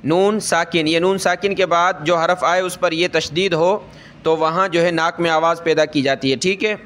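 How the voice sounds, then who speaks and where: A man teaching Quran recitation. He explains each rule slowly, checks in with "ठीक है" over and over, and chants the verses long and drawn out. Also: a little high, fairly even intonation, fairly bright tone. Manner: says "ठीक है" often to check the listener. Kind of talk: Quran tajweed lesson.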